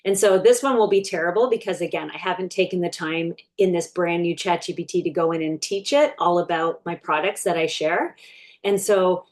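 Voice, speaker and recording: A woman coaching online sellers in a casual, unscripted screen-share tutorial, chatting freely with fillers and restarts and slowing right down whenever she dictates a prompt. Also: lowish voice.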